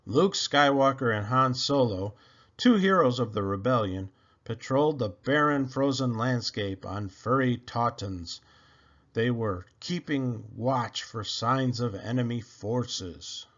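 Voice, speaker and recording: With lively intonation and a slow pace, a man reads a children's adventure story aloud from a script, stressing key phrases dramatically. His voice is medium-pitched and fairly bright, and the recording sounds dull and lo-fi.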